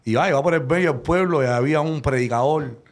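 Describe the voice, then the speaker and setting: Male co-host, fast-talking, slightly high, joking banter. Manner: quick, playful banter. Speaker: podcast co-host. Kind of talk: casual chat and joke-telling.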